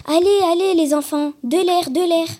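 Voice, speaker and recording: A woman's voice: extremely high pitch, steady tone, fast, darkish tone, voice pushed up. A woman reading aloud, voicing a stern female headmistress who gets bossy and stammers when shaken. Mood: flustered.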